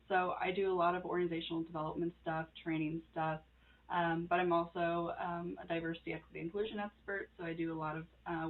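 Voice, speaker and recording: Low-voiced woman on a muffled video call. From born in Croatia, raised in the US Midwest. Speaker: guest, organizational consultant. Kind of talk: interview answers.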